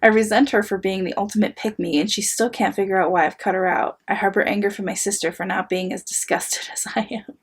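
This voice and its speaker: A woman's voice: mid-range voice, fairly even intonation, a little fast, breathy edge. A woman gleefully reading confessions aloud in a casual, amused way, breaking into wry, sweary asides. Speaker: host reading listeners' anonymous confessions aloud.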